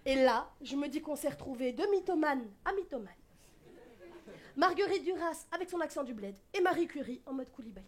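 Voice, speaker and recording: High-voiced woman doing stand-up. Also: a little fast. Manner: lively, teasing the audience. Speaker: stand-up comedian. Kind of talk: stand-up comedy. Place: stage before a live audience.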